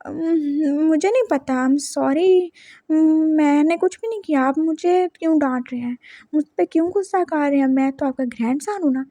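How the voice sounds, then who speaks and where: A woman's voice: sits high, moderate pace, mellow, no room sound. A woman voicing a nervous, polite young man who answers hesitantly and apologetically in a spoken story. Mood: confused.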